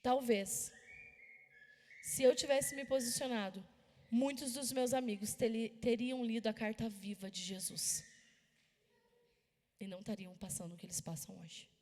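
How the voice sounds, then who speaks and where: A Brazilian woman preaches in a lively, storytelling way, breaking into sudden loud bursts. Her voice sits a little high for a woman. It rings out with a long reverb, as in a church hall. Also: normal speed, pauses often. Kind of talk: sermon.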